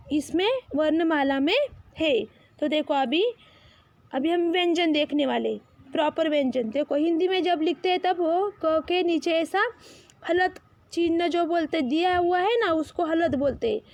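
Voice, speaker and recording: Slow, very high-voiced woman teaching letters. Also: darkish tone, no room sound. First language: Marathi. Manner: slow, drawn-out, patient, calls out letters for repetition. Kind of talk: children's Hindi alphabet lesson.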